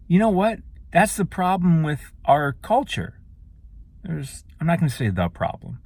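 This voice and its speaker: A man's voice: on the high side, no room sound. Rambling man vlogging in a dry room. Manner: rambling, grows emphatic and profane. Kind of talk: casual rambling monologue to camera.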